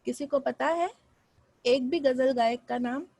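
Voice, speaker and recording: Expressive Hindi teacher woman, dry sound. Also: high-pitched, a little slow, no room sound. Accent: Mumbai. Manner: expressive, rising and falling delivery with frequent questions to students. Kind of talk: classroom lesson.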